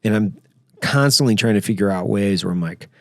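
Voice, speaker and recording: A man's voice: fairly low pitch, fairly quick, vocal fry, no echo, studio quality. A man in his forties hosting a podcast, rambling and swearing casually as he chats. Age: 40s. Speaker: podcast host. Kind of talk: casual chat.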